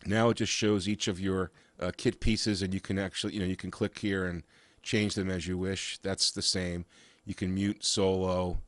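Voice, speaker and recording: A man with a cold and a raspy voice, walking through software in a casual, halting way with frequent uhs and restarts. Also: low-pitched, level tone, no room sound. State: has a cold. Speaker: software reviewer. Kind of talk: casual screen-share walkthrough.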